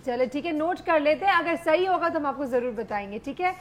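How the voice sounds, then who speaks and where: Upbeat high-voiced TV host woman. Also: lively intonation. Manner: upbeat, mixes English into her talk. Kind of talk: live morning show, taking phone calls. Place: TV studio.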